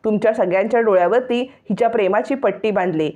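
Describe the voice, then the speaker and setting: A woman's voice: medium pitch, quick pace, mellow, muffled recording, natural voice. A woman voicing a jealous older mother-in-law who scolds and accuses her daughter-in-law, reading her lines in a recap. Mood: angry.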